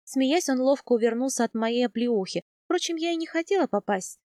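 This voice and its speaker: Expressive woman reading a first-person audiobook. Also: high voice, fairly quick, no room sound, clean studio sound. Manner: expressive, animated in the heroine's dialogue. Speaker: audiobook narrator. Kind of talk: first-person scripted narration.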